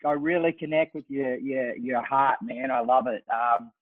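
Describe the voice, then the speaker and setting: A gently, softly spoken man with an Australian accent, calling in with a question. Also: mid-range voice, moderate pace, no room sound. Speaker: caller. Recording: tinny phone line.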